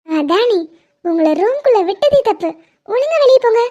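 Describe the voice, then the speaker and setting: A woman voicing a playful, teasing pregnant young wife in an animated cartoon. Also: extremely high pitch, moderate pace, highs cut off. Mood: playful bossy. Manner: teasing, bossy, affectionate.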